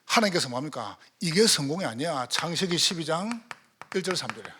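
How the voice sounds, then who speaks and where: A man's voice: on the high side, lively intonation, brisk, pushed and bright, slightly rough. A male pastor with a Gyeongsang accent, preaching a sermon in church and firing rhetorical questions at the congregation. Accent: Gyeongsang Korean. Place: church sanctuary.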